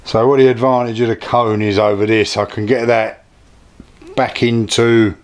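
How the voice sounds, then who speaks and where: A British man hosting an informal hands-on craft demonstration, talking in a low-key, plain-spoken and unpolished way. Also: flat delivery, moderate pace. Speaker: hobby craft video host.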